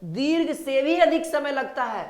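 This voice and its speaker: A woman's voice: high-pitched, lively intonation, a little slow, a little mellow. A woman teaching a grammar lesson for exam prep, often repeating her points and calling viewers sir and brother. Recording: echoey room.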